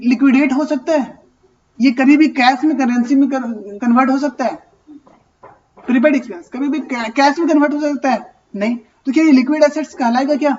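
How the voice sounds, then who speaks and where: A man's voice: extremely high pitch, a little mellow, highs cut off. A man teaching an accounting class, talking casually and asking and answering his own questions. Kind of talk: classroom lecture.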